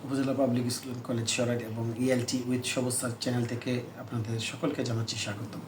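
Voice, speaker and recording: A man with a Bangladeshi Bengali accent gives a slow, careful English lesson, saying each example phrase several times. His voice rings in an echoey room over a faint background hum. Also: mid-range voice, little pitch movement. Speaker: English teacher.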